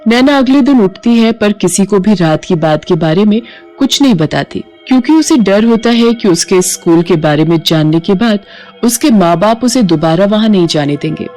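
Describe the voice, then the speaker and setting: A woman narrating a cartoon horror tale in a scripted storybook style. She keeps an even, steady storytelling delivery at a middle pitch.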